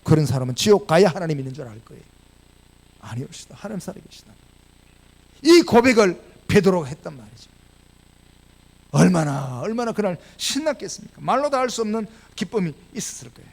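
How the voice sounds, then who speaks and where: A man with a Gyeongsang Korean accent preaching a sermon as pastor, animated and firing rhetorical questions at the congregation. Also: high-pitched, quick pace. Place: church sanctuary.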